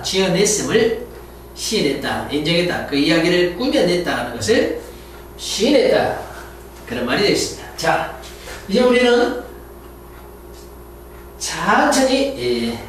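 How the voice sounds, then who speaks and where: Slow, high-voiced man teaching in an echoey room. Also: far from the mic, a little hiss or hum. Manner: reads English examples slowly, then explains in Korean; repeats words and corrects himself. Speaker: English teacher. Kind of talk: lecture on grammar.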